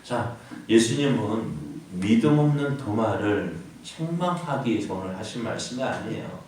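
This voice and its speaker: A man's voice: on the low side, lively intonation, moderate pace, darkish tone, very echoey, recorded from a distance, slight background noise, low-quality recording. A man preaching a sermon as pastor, often asking the congregation questions and answering them himself. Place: church sanctuary.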